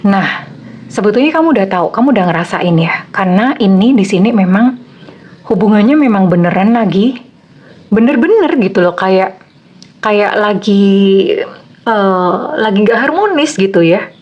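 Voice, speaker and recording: A woman's voice: mid-range voice, lively intonation, moderate pace, dull audio. Middle-aged woman, tarot reader; casual, chatty delivery with fillers and acted-out asides. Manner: chatty, repetitive fillers, acts out quoted lines. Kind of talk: casual tarot reading to viewers.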